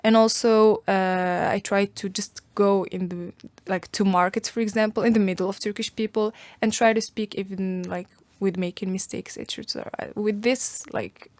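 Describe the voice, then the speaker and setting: With a mid-range, a little mellow voice and fairly even intonation, this young adult woman speaks at a moderate pace with hardly any pauses, and the sound has no echo. As a guest, she answers interview questions casually yet thoughtfully; she is Algerian, Arabic is her first language, and she uses lots of fillers and restarts.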